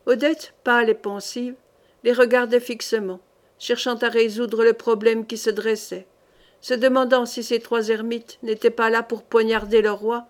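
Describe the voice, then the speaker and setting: A woman narrates a historical novel as an audiobook, reading in a steady, measured way. Her voice sits fairly high. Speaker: audiobook reader.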